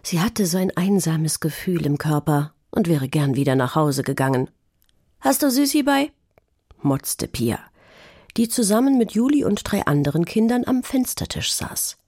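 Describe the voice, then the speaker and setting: A woman narrating a children's audio story in a scripted, expressive storytelling manner. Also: deep voice, moderate pace, husky, no room sound, clean studio sound.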